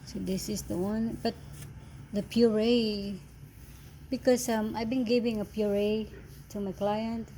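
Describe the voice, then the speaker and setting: Chatty lady hosting a home cooking vlog, slow halting english, sizzling pan behind her. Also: mid-range voice, steady tone, warm tone. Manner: chatty, halting non-native English with frequent questions. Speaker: vlog host. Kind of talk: casual cooking chat. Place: home kitchen. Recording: noisy kitchen with sizzling.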